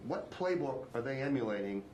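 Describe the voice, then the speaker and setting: A man's voice: mid-range voice, lively intonation, a little fast, darkish tone. A male reporter at a press briefing, asking a long question while repeating words as he frames it. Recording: echoey room with faint noise.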